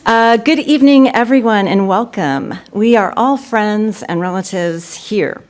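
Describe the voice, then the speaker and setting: A woman opening a university poetry reading, giving warm welcoming remarks and announcements into a podium mic. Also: mid-range voice, unhurried. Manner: warm, gracious and upbeat, with filler ums. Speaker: event host introducing a poetry reading. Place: university lecture room.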